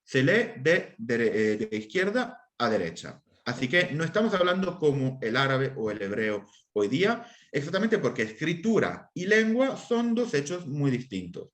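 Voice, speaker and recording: A man's voice: medium pitch, sing-song, moderate pace, few pauses, fairly bright tone. A man who is an assyriologist, explaining a lesson during an interview and checking in with his listeners often. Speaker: assyriologist lecturer.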